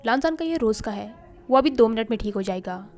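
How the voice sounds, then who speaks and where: A calm, teasing elder brother from a read-aloud story, spoken in a fairly high voice by a woman. He talks in an easy, gently mocking way, with soft music playing faintly behind. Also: a little fast. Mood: teasing, easygoing.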